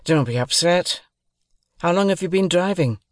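A man playing a calm, kindly young miner. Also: sits high, moderate pace, no echo, clean studio sound, voice pushed up. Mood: reassuring. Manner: reassuring, easygoing.

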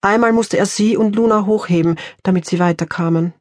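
A woman author reading her own crime novel aloud in a measured, tense audiobook narration. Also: medium pitch, darkish tone, no echo, clean studio sound.

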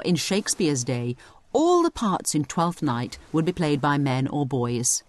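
Addressing the listener directly, a woman with a deep voice explains things in a conversational tone for a scripted educational audio guide. The recording is dry.

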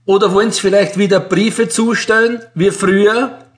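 A man voicing a bossy, self-satisfied male postmaster who scolds loudly. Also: sits high, fairly even intonation, normal speed, voice pushed up, lightly acted. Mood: scolding, mocking. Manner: loud, scolding.

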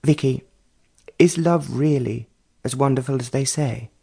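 A man's voice: mid-range voice, measured pace, vocal fry, warm tone, husky. A man voicing an eager, curious young woman painter who asks direct questions and answers bluntly.

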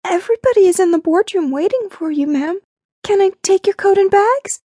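A man's voice: very high-pitched, expressive, a little fast, mellow, no room sound, pitched above the performer's own voice. A man voicing a nervous young female receptionist with a shaky voice.

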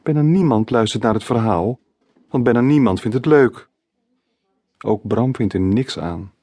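Male author reading his kids' book aloud; husky voice, dry close recording. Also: medium pitch, unhurried, mellow, dry recording. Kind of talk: scripted children's audiobook narration.

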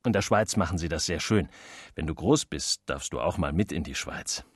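Mann spielt einen polternden, ungeduldigen Familienvater. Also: male voice, a bass voice, animated, moderate pace, no room sound, studio quality, voice pushed down, full character voice. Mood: lecturing. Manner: gruff, lecturing, evasive. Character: impatient, blustering middle-aged father.

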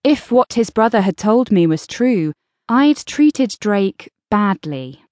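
A woman reads a first-person story in a dry, wry manner. Her delivery is slow and unhurried, with a lively pitch that moves freely. The studio sound is close and dry. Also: no echo. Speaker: audiobook narrator. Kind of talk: first-person scripted narration.

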